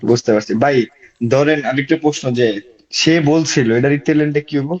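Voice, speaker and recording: A man's voice: medium pitch, moderate pace. Student guy on a call, kinda muffled, repeats stuff back, asks casual questions. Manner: repeats words after the teacher, asks informal questions. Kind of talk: casual questions in a live class.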